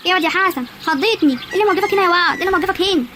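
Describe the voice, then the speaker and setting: A prying, sharp-tongued village sister-in-law with a rural Egyptian accent, played by a woman, her voice very high and her words very fast. Loud outdoor noise runs underneath. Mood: nagging. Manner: prying, nagging.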